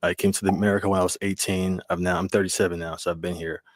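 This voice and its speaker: A man's voice: deep voice, little pitch movement, rapid-fire, no echo. A man in his thirties from Liberia, plainly introducing himself. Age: 30s. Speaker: contestant in a played video.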